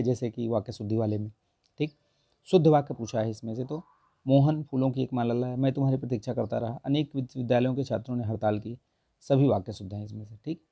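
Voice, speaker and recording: A hoarse man works through exam answers in a Hindi grammar lesson, checking each option and dropping in "okay" after nearly every line. His voice is dark and gravelly from a sore throat. It is recorded close and dry, with no room sound. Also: medium pitch, no echo, muffled recording. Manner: repeats "theek hai" constantly, corrects answers with mild humor. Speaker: exam prep teacher.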